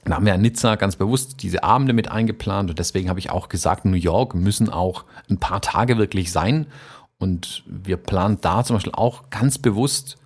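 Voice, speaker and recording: A man's voice: sits low, normal speed, husky. A man co-hosting a podcast, talking casually and thoughtfully about photography workshops, with many fillers and restarts.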